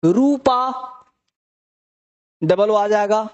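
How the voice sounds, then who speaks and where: A man teaching an English spelling lesson, mixing Hindi with English phrases and slowly repeating words to draw out their sounds. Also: sits high, animated, darkish tone, highs cut off. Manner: mixes Hindi with English phrases, calls students "beta".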